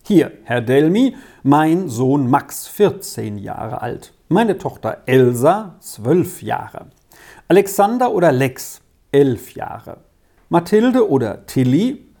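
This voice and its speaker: A storybook reader voicing a hearty rural official introducing his children in a brisk, formal way. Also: mid-range voice, sing-song, vocal fry, dark tone, full character voice.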